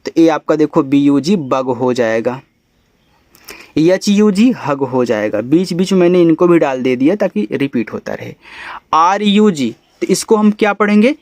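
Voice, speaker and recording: A man teaching English phonics to beginners, spelling letters out slowly and then saying each word lower. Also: expressive, a little mellow, no echo. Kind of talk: phonics lesson explanation.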